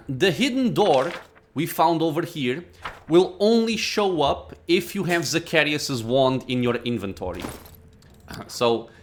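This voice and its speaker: A man's voice: on the high side, a bit bright, slight background noise. A man hosting a gameplay video, switching between casual commentary and reading the story text aloud. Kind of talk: casual game commentary and read-aloud narration.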